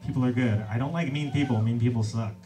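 A laid-back singer-songwriter and label owner chats between songs from the stage of a small, crowded indoor club, relaxed and self-deprecating and laughing often. His mid-range voice moves quickly. A stand-mounted stage mic is heard from the audience in a distant live-room recording, with acoustic guitar and crowd sounds behind him.

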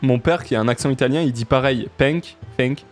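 A man with a southern French accent, chatting casually and jokily while playing a game, often jumping up in pitch for emphasis. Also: brisk, soft background music. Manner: chatty, jokey, jumps to high pitch for emphasis. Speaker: let's play streamer. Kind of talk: casual gameplay commentary.

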